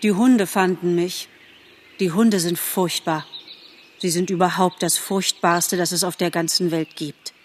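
A woman's voice: lowish voice, steady tone, unhurried, slight background noise, lightly acted. Gobo, a woman as a boastful young buck. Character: young male deer, boastful and earnest.

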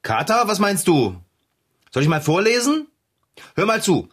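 A woman's voice: medium pitch, sing-song, a little slow, breathy edge. A woman playing a grown-up bicycle mechanic in a radio play, down-to-earth and exasperated with her pet.

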